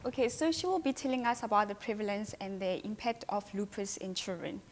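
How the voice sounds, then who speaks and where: A woman's voice: medium pitch, a little fast, slight background noise. A woman hosting a studio talk show, asking questions and reacting eagerly.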